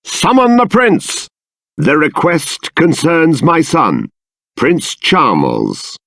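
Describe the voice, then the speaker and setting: An actor playing a stately, stern middle-aged king and exasperated father in a fantasy video game, speaking in a formal, deliberate, emphatic manner. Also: a little high, big pitch swings, vocal fry, a bit bright, dry recording, clean studio sound, exaggerated voice. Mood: angry, exasperated. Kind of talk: theatrical fantasy game voice acting.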